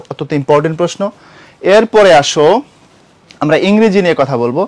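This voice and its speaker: A Bangladeshi man walks through exam answers at a rapid clip. His voice sits high, and he keeps checking that his students are following. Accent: Bangladeshi Bengali. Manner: brisk, quizzing students with checks like "got it?". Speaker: teacher. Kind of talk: exam solution lecture.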